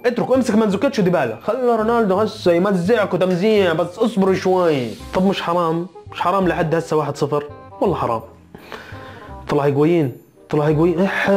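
A man doing casual football chat as a YouTuber, teasing and mock-scolding in an animated way. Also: high-pitched. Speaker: football YouTuber reacting to results.

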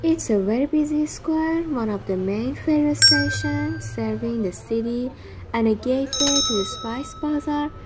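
A woman hosting a walking tour video, reading a scripted travel narration in an even, gentle manner as a voice-over. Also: high voice, a little slow, very noisy. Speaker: walking tour vlog host.

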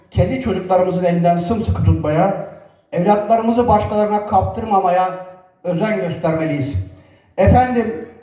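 A man, a provincial governor, giving a formal, earnest public speech from a lectern microphone, with deliberate, emphatic phrasing. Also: high voice, dark tone. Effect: speaking from a lectern microphone. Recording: echoey hall, voice picked up from a distance.

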